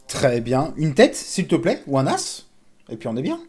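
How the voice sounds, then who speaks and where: Excitable man pleading at a slot machine. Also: fairly high pitch, normal speed, slightly rough. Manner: excitable, pleads with the game, calls out numbers. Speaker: casino streamer. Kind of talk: live commentary on casino games.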